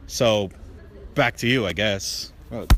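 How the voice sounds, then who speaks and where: A man's voice: lowish voice, takes it slowly, crowd noise. A man working as a field correspondent, doing casual street interviews and repeating answers back. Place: out on a college campus.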